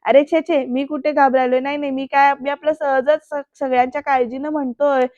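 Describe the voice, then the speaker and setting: A woman's voice: sits high, little pitch movement, a little fast, darkish tone, no echo, lightly acted. Lady doing a nervous shifty guy from a serial, stammering excuses, dull dry audio. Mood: flustered. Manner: flustered, stammering denials. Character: nervous scheming young man caught out.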